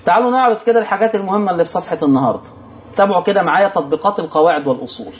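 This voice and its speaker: A high-voiced man with an Egyptian Arabic accent teaches Quran recitation at a quick clip. He speaks directly to his viewers, asks questions and then answers imagined objections one step at a time. The broadcast audio sounds dull and lo-fi. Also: lively intonation. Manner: addresses viewers directly with frequent rhetorical questions. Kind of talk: televised religious lesson.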